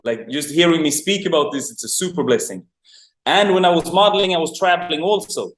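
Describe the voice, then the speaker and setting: A man's voice: a little high, fairly quick, a bit bright. A young man from Sweden, a guest chatting loosely and upbeat about his life, with lots of "like" fillers. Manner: loose, rambling, upbeat, with many "like" fillers and laughs. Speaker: guest, online marketer for dancers. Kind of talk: casual interview chat. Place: remote call from abroad. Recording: roomy echo.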